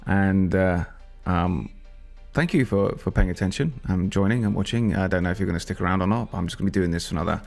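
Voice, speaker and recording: Deep, gravelly man coding live. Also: fast talker, soft background music. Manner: thinking aloud, rambling with restarts. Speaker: software developer live-streaming. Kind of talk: casual live coding stream.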